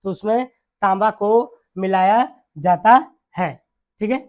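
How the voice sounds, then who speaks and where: An exam-prep teacher, speaking in a classroom style, repeating key words and asking quick check questions with tag phrases. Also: mid-range voice, darkish tone.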